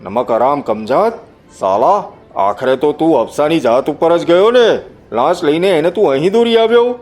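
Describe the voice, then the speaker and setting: A man's voice: a little high, expressive, normal speed, a little mellow, faint music behind. A man voicing a ruthless, brutal pirate chief who makes harsh, menacing, snarling threats. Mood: menacing, furious.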